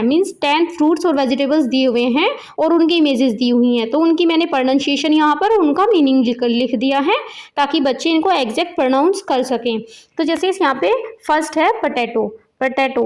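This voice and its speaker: A woman, patiently explaining a children's textbook lesson as a teacher. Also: sits high. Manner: slow, patient word-by-word explaining.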